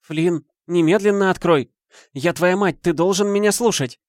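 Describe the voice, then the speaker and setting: Man doing a high pleading grieving mother. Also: moderate pace, a little mellow, no room sound, studio quality, close to an everyday voice. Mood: desperate. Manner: pleading, emotional.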